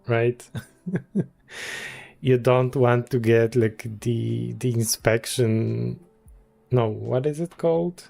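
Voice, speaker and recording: Male developer in his thirties, middle-pitched, talks slowly, halting and thinking aloud on stream. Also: creaky, darkish tone. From Poland. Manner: hesitant, restarts often, chuckles, thinking aloud. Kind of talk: casual livestream chat.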